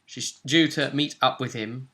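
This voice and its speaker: A man with a mid-range, slightly bright voice speaks a little slowly as he hosts a casual tabletop role-play recap. Acting as host and game master, he retells the story for a video audience in a playful, jokey, hammy style.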